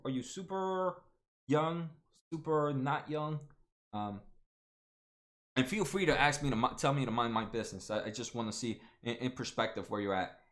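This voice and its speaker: Reading out viewer comments on his casual stock market livestream, a man in his late twenties talks to people by name, with plenty of fillers and restarts. His voice sits in the mid-range and has a fairly bright tone.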